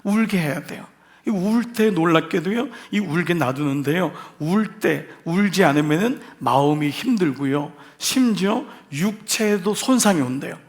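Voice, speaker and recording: A man's voice: sits high, expressive, moderate pace. A male senior pastor preaching an Easter sermon in a church, talking to the congregation in a conversational way with humor and rhetorical questions. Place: church sanctuary.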